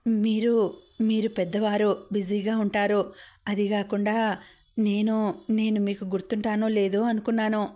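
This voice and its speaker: Grieving young sister, soft, pleading, storybook reading, woman doing the voice. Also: mid-range voice, flat delivery, unhurried, long pauses, close to an everyday voice. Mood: sad pleading.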